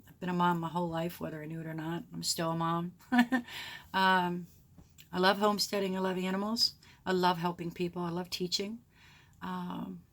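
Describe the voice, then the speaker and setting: A woman's voice: lowish voice, fairly bright tone. Groggy middle-aged woman chatting casually. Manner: frank, chatty, rambling self-description. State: sore throat, groggy voice. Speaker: homesteading blogger introducing themself. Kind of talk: casual, unscripted talk to followers.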